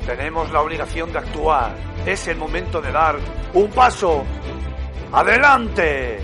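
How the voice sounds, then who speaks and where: An actor playing a rousing male Spartan-style war leader, declaiming a solemn, gravelly mock-epic rallying speech. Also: a little high, expressive, unhurried. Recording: loud music under the voice.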